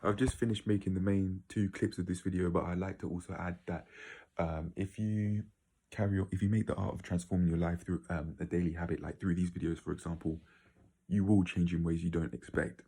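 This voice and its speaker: A man's voice: low voice, steady tone, fairly quick, dark tone, slightly rough. A man giving a casual, opinionated monologue to viewers, rambling and blunt, with some swearing. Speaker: video creator.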